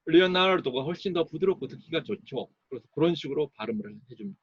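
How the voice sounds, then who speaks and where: A man giving a recorded lecture as an English teacher, explaining slowly and sounding out words to model their stress. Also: on the high side, animated, slightly rough, no room sound, highs cut off.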